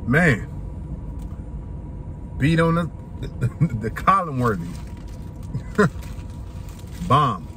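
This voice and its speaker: A man's voice: mid-range voice, sing-song, drawn-out words, long pauses, pushed and bright, slight background noise. A man reviewing food in a casual vlog, talking with his mouth full in a laid-back, slangy way.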